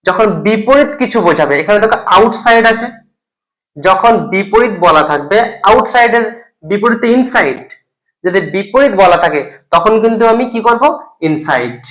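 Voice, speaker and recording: A teacher walks through a grammar point in a lesson video. They keep asking questions and checking that the listener follows. Example English sentences are read out slowly, one word at a time. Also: medium pitch, expressive, a bit bright, low-quality recording. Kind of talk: explaining grammar in a recorded lesson.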